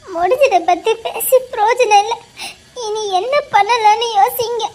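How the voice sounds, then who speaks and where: A woman playing a tearful young wife with a very high voice. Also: a little slow. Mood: tearful pleading. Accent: Tirunelveli Tamil. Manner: soft, pleading, voice breaking with tears. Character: anxious young wife, tearful but firm. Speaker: actor. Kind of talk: melodramatic web-series acting.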